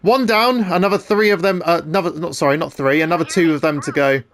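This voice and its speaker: A young man in his twenties giving excitable, chatty gameplay commentary. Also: a little high, quick pace. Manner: excitable, chatty, frequent restarts. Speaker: gaming YouTuber.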